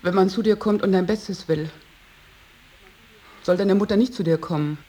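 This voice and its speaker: In a German radio drama, an actress plays a worried, reproachful middle-aged mother who alternately pleads with and scolds her wayward grown son. Her mid-range voice is mellow, her pace normal, and her acting fairly light.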